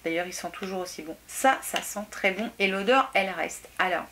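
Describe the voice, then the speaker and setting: A woman's voice: medium pitch, normal speed, a bit bright, slight background noise. Chatty French-speaking woman vlogger. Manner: chatty and hesitant, many fillers and restarts. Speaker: beauty vlogger. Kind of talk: casual product review.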